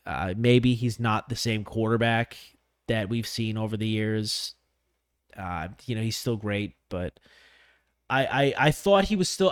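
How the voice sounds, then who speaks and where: A man's voice: mid-range voice, clean tone, no echo. A man hosting a casual solo sports podcast, rambling with lots of fillers and restarts, sniffly from allergies, close on a microphone. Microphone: close studio microphone.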